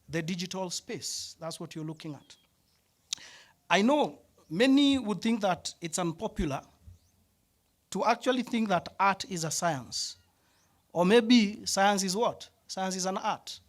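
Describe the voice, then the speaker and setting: A man with a notably high voice speaks at a graduation ceremony. He talks in a reflective, conversational way and is openly moved. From Africa. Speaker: head of animation department giving faculty speech. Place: ceremony hall.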